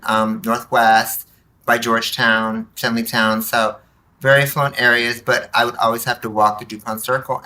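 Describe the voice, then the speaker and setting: A community activist appearing as a podcast guest tells personal stories casually and animatedly, acting out bits of dialogue and tossing in rhetorical questions. His voice is mid-range, and the recording sounds rough.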